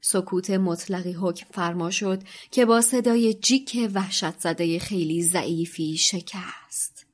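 A woman narrating a novel aloud in an expressive storytelling read. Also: on the low side. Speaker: reader and podcast co-host. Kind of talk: audiobook narration.

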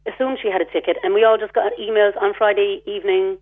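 An Irish woman phones in to a radio show and lays out her complaint in aggrieved detail, retelling her exchanges. Her medium-pitched voice is flat and fast, heard over a phone line.

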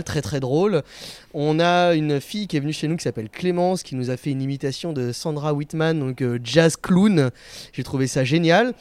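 Man telling stories with animated warmth. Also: on the high side, clear, resonant tone, no room sound. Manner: animated storyteller, many hesitations. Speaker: guest, comedy night organizer. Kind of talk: casual interview chat.

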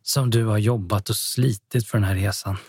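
A man voicing a kind middle-aged father praising a young woman, with a husky voice. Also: on the low side, steady tone, darkish tone, dry recording, studio quality. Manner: encouraging.

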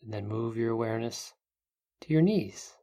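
A meditation narrator speaking like a sleep story narrator, giving gentle, hushed guidance with long pauses and a creaky voice. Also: medium pitch, expressive.

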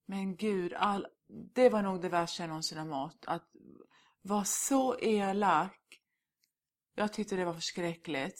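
A middle-aged woman answering interview questions in a candid, emphatic way, slipping in English words. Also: lowish voice.

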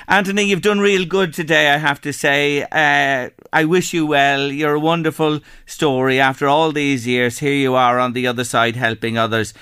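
A man's voice: medium pitch, sharp tone, smooth, no echo, clean studio sound. An Irish man presenting a chatty local radio show in an effusive, folksy manner, with plenty of rhetorical questions.

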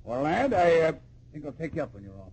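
A gruff old seafarer in an old radio drama, hearty and full of boasts. His voice is gravelly and pitched a bit high, swinging widely through salty slang. The recording is noisy. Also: big pitch swings, fast talker, a little mellow. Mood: folksy, coy. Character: hearty, boastful old sailor, flattering charmer.

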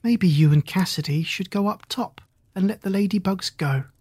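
A man voicing a soft-spoken mother. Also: high-pitched, normal speed, slightly rough, no echo. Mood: gentle. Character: gentle mother of two young girls.

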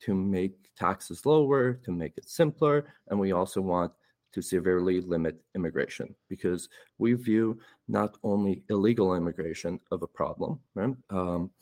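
A man's voice: sits low, a little mellow. A man from Poland, a first-time interview guest, talking casually and often ending points with "right?". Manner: tags statements with "right?".

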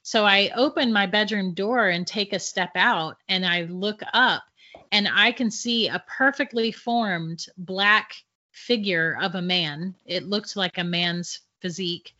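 A woman's voice: mid-range voice, unhurried, pushed and bright. A middle-aged woman, a guest psychic, telling her own stories casually and laughing often. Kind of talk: casual storytelling. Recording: dull lo-fi sound.

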